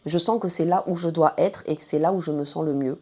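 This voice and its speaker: A woman's voice: low-pitched, steady tone, fast, dark tone. A woman from France with a French accent, chatting casually to her viewers as she answers their questions, full of fillers and self-corrections. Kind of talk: casual Q&A chat to camera.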